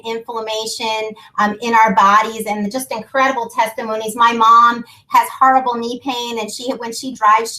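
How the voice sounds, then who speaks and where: This woman hosts a business conference call, presenting a product through an enthusiastic, casual sales talk based on testimonials. She has a sharp, fairly high voice, and the audio quality is poor.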